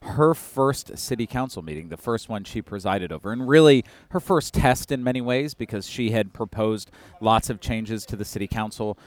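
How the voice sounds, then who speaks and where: A man talks through local politics as a podcast co-host, his voice low and recorded dry and close. He speaks clearly and states his opinions in an upbeat way. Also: no echo. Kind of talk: casual political chat.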